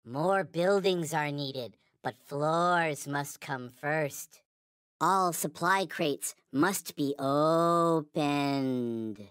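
A man's voice: a little high, a bit bright, no room sound, studio quality. A man voicing a small, polite, earnest toy alien from a video game, speaking in formal, stilted, backwards-ordered phrases. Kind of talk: video game character lines.

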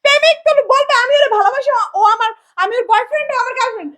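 A woman acting a scolding older sister in a skit, loud and shrill as she tells someone off. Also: rapid-fire. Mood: mocking.

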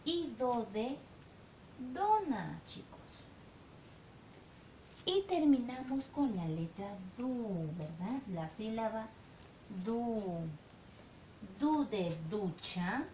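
A woman's voice: sing-song, drawn-out words, long pauses, mellow. A woman teaching a virtual phonics lesson to young children, drawing out syllables in a sing-song way and often checking with her class. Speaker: kindergarten teacher. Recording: echoey room, faint rumble.

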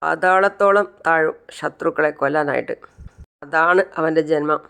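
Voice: medium pitch, moderate pace, vocal fry, fairly bright tone, clean tone. A narrator playing a distrustful older man who mocks and scorns the remorseful father in a retold serial. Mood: mocking. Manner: scornful, teasing.

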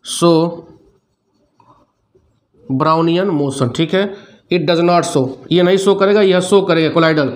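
Middle-aged male chemistry teacher, high-pitched, asks and answers his own questions. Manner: repeats questions and answers them himself; mixes English terms into Hindi. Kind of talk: classroom lecture.

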